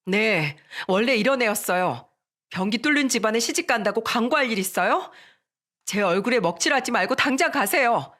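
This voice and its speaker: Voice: medium pitch, very animated, fairly quick, pushed and bright. A storyteller voicing a rude, snobbish young woman about to marry, talking in a curt, scornful tone.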